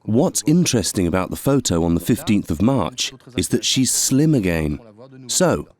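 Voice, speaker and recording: A man's voice: on the low side, very animated, moderate pace, a little mellow. A man giving plain, explanatory commentary as a diver and observer in a nature documentary.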